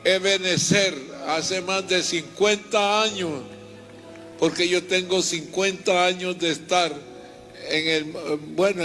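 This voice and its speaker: A man's voice: a little high, a bit bright. An older man, a reverend, giving a fervent personal testimony and retelling his story in repetitive, heartfelt bursts.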